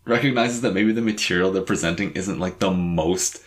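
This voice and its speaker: A man's voice: low voice, a little fast. A man co-hosting a casual chat, joking a lot and laughing often, with many "like" fillers. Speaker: podcast co-host.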